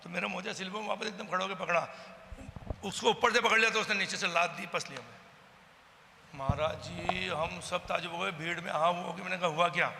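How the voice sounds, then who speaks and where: A man gives a heated eyewitness account, stepping into the voices of the people he quotes. His voice is high, gravelly and very bright. It carries a long reverb over faint background noise. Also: a little fast. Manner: agitated storytelling, acting out the quoted exchanges. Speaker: eyewitness from the local community. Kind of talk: personal account to a news camera.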